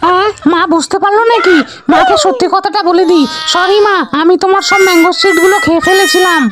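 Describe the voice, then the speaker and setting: Woman voicing a very high-pitched, quick mischievous girl. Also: heavy background noise. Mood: nervous. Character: mischievous greedy young girl, excitable and crafty. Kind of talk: comic cartoon story dialogue.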